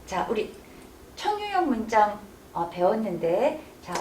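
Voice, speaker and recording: Woman, English teacher, slow drawn-out drills, lively pitch, echoey room, distant mic. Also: a little hiss or hum. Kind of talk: classroom lesson. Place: senior welfare center classroom.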